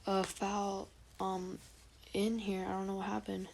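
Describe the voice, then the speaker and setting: A woman's voice: medium pitch, monotone, measured pace, vocal fry, slight background noise. A woman putting on a timid little boy's voice. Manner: hesitant, stammering, soft. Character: timid scrawny four-year-old boy.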